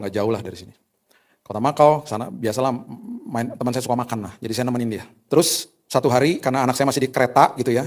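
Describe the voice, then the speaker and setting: Fast-talking animated male pastor. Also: mid-range voice. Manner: animated, colloquial Jakarta-style slang, acts out dialogue. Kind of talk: sermon with personal stories.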